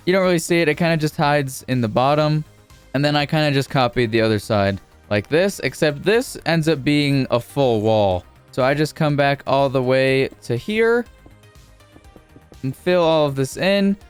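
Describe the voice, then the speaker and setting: A man narrating a casual game building tutorial as a YouTuber, speaking informally in a steady, repetitive cadence. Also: a little high, smooth.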